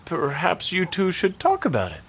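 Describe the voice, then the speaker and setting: A man's voice: high voice, wildly swooping pitch, normal speed, slightly rough, exaggerated voice. A man voicing a wry young male detective in a game, full of dry, sarcastic asides. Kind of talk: game voice acting.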